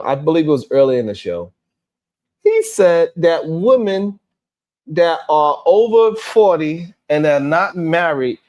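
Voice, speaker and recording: A man's voice: high voice, a little mellow. A man in his forties giving exasperated, casual commentary on a live panel stream, swearing when he loses his words. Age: 40s.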